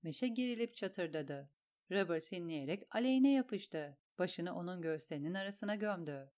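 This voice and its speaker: A woman narrating a story for an audiobook, reading in a steady, descriptive way. Her voice sits fairly low for a woman. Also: normal speed.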